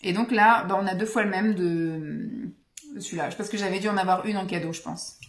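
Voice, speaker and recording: A woman's voice: mid-range voice, fairly quick, echoey room. A woman in her forties chatting casually to camera as a vlogger, rambling with many hesitations. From France. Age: 40s.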